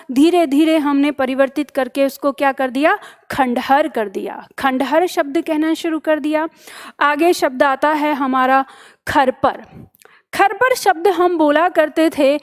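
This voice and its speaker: A young woman teaching an online exam-prep lesson, explaining step by step and repeating each answer back as a question. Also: sits high. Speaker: Hindi teacher.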